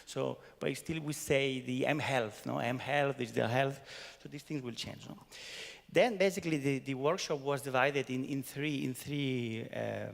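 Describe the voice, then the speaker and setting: A man's voice: medium pitch, moderate pace, creaky. A man from Barcelona with a Catalan-accented Spanish accent, giving a chatty conference talk and tagging his sentences with "no?". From Barcelona, Spain. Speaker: conference speaker. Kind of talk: conference talk summarizing a workshop. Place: conference hall. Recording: long hall reverb.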